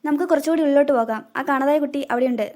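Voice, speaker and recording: A cartoon snake queen disguised in human form, played by a woman speaks in a high voice at a rapid clip. She is gentle and motherly with lost children but guards her secret. Her lines come out quick and bright. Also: close to an everyday voice. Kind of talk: cartoon voice acting.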